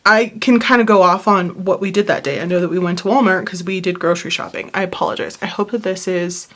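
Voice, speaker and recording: A woman with a lowish, fairly bright voice talks fast, sounding tired and short of breath. She's a planner vlogger chatting casually at home, rambling, getting sidetracked, and apologizing when she wanders off topic.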